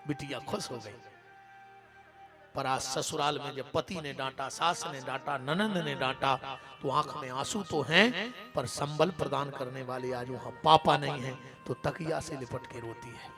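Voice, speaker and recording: A male preacher with a Bundeli accent telling an emotional devotional sermon, his voice swelling loud at its peaks. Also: medium pitch, unhurried, over music.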